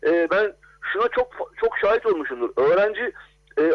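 High-voiced hesitant man on a phone line. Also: expressive. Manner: hesitant, many drawn-out fillers. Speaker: academic guest. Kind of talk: radio interview.

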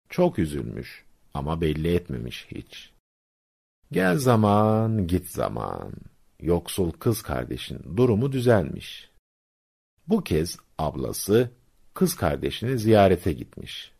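A man narrating folk sayings and their stories for radio listeners, in a measured, didactic storytelling manner. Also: low voice, gravelly, darkish tone, breathy edge.

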